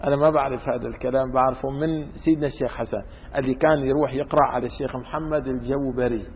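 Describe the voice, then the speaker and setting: A man's voice: mid-range voice, fairly even intonation, very fast, a little hiss or hum. A man teaching an informal religious law lesson, colloquial and teasing with his students. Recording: lo-fi phone-like recording in a reverberant room.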